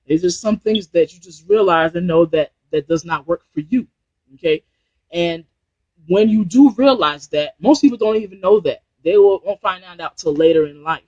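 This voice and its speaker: Speaking at a normal pace, this New Jersey man has a high, slightly mellow voice captured in lo-fi sound with no room sound. On a relaxed live stream via Bluetooth headset, he gives rambling, pep-talk business advice, circling back and starting phrases over.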